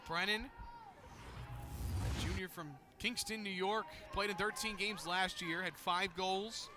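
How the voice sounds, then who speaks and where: With a crowd in the background, an American play-by-play announcer with a high-pitched voice speaks slowly, calling a game live. The outdoor stadium ambience comes through clearly.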